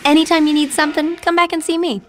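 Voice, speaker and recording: A woman's voice: sits high, level tone, fast talker, fairly bright tone, slight background noise. A woman playing a flirty, easygoing trader in a video game, with a teasing drawl. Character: flirty, easygoing female supplies trader in a wasteland town. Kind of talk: video game character dialogue.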